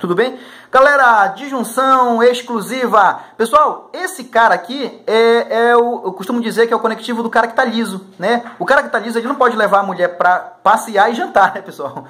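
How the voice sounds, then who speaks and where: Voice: mid-range voice, brisk, fairly bright tone. A teacher from Brazil, giving a recorded lesson for exam prep in a casual, slangy way and constantly checking in with the students. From Macapá, Brazil.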